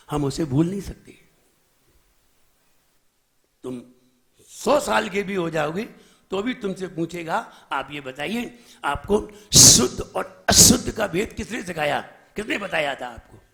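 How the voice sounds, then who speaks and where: A man's voice: high voice, sharp tone. A man, a Jain monk, preaching a sermon in a teacherly way, correcting pronunciation and asking rhetorical questions.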